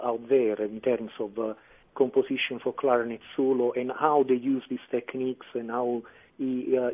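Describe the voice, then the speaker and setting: Halting clarinetist on a phone line. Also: male voice, medium pitch. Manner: hesitant, many fillers and restarts. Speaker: clarinetist and composer guest. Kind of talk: radio interview answers. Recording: phone-line radio audio.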